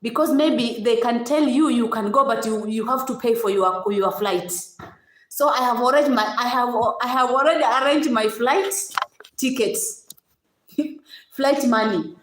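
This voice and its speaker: Halting woman in an echoey room. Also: fairly high pitch. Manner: halting, repeats words, laughs often. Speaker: vlogger. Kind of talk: casual storytelling livestream.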